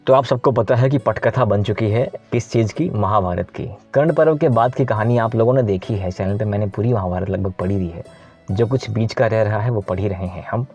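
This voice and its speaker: Low-voiced man retelling an epic. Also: brisk, a little mellow. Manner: conversational, explaining, addresses listeners directly. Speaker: storyteller host. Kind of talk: casual spoken retelling of an epic. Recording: slightly dull recording with faint music.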